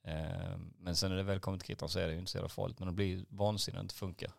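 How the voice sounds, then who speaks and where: Deep gravelly man telling rambling stories. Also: level tone, no room sound, clean studio sound. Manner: rambling, hesitant fillers, frequent swearing. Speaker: podcast co-host, IT technician. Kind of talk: casual anecdote telling.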